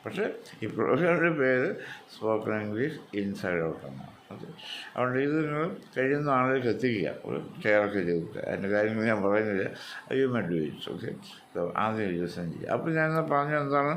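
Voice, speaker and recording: A man's voice: fairly low pitch, sing-song, brisk, a bit bright, a little hiss or hum. A man with a Malayali accent teaching a spoken English lesson, explaining step by step and repeating words with exaggerated stress.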